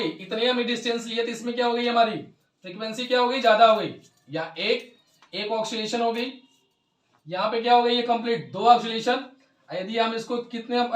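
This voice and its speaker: A man teaching a school physics lesson, who asks questions and answers them himself and reads English definitions out slowly. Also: very high voice. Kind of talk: Hindi physics class lecture. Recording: echoey room, voice from far off.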